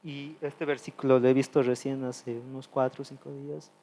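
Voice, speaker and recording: A man preaching a testimonial sermon, earnest and confessional, moving between loud pleading and soft, low asides. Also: flat delivery, moderate pace.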